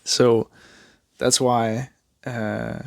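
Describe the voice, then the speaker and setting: Here the Danish art vlogger speaks very slowly in a flat, gravelly, mid-range voice, recorded cleanly in a studio without echo. He's a young man with a Danish accent, casually chatting as he draws, rambling, self-deprecating, and full of fillers and restarts.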